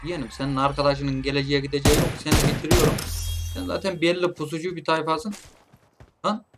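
A man commentating his own mobile shooter gameplay, playfully taunting opponents and calling them nephew, with bursts of loud shouting. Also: a little high, level tone, quick pace, loud music behind the voice. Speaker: gameplay streamer. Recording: game gunfire loud behind voice. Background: gunshots and clicks from the game.

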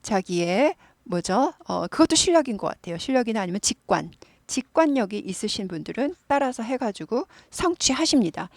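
A middle-aged woman hosting an English lesson, explaining phrases and drilling pronunciation in a lively, repetitive way. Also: a little high, a little fast, no room sound. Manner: lively, repeats words for drill practice. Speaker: English teacher, channel host.

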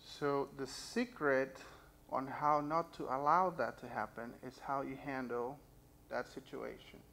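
With fairly even intonation, vocal fry, and a fairly bright mid-range voice, a young man speaks a little slowly while preaching on a church sanctuary stage. He offers sincere personal testimony and reads scripture, heard via a pulpit stand mic and a distant camera.

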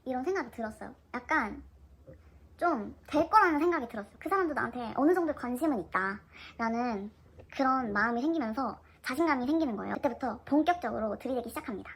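Woman, 20s, higher voice, animated storyteller for a casual storytime vlog. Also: quick pace, a little hiss or hum, rough recording. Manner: chatty, animated retelling of her own story.

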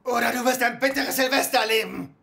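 A woman's voice: fairly high pitch, fast, gravelly, pushed and bright, heavily acted. An actress voicing a harsh, angry stepmother in a dubbed film drama, scolding and threatening. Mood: furious. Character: harsh scolding stepmother, middle-aged woman, bitter temper.

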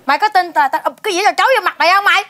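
A woman's voice: very high voice, very fast, sharp tone, some chatter behind. A woman on stage playing a bossy wife who beats her husband, with a scolding, commanding manner. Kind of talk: stage comedy acting.

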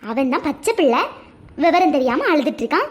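Woman doing a shrill fast-talking grandma. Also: expressive, heavy background noise. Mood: scolding. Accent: Tirunelveli Tamil. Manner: scolding, then coaxing. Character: scolding but soft-hearted grandmother. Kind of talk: cartoon voice acting.

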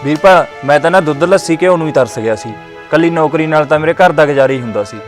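An actor playing a grateful injured younger brother who talks earnestly. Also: male voice, a little high, fast, soft background music, natural voice.

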